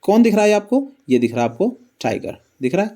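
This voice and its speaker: Lively man teaching memory tricks. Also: sits high, fast. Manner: asks the viewer questions, then answers them himself; tells little stories to teach memory tricks. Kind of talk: animated mnemonic geography lesson.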